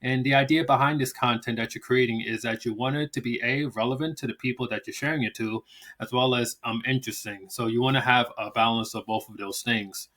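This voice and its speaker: In this casual explainer filmed straight to camera, a man who runs his own channel teaches language promotion, and English is his first language. He talks a little fast at a medium pitch, steady in tone and slightly bright, wandering through his points with frequent fillers and false starts.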